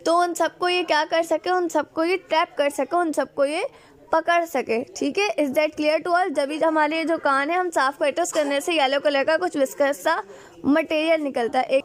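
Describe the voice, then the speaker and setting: A woman teacher with a Pakistani Urdu accent giving a biology lecture. She keeps asking questions and answering them herself, and she mixes in English terms. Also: high-pitched.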